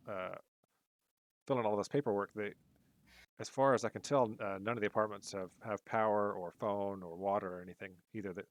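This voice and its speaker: A man's voice: lowish voice, no echo, natural voice. A man voicing a tired woman office worker who rambles with many fillers.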